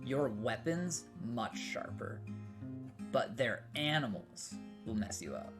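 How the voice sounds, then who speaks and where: A young man with an American accent chats loosely while streaming a game, often restarting his sentences and answering viewers. His voice sits at an ordinary mid pitch. Quiet game music plays underneath. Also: lively intonation, slow pace. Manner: rambling, chatty, answers chat, many restarts. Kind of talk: casual live-stream chat while gaming.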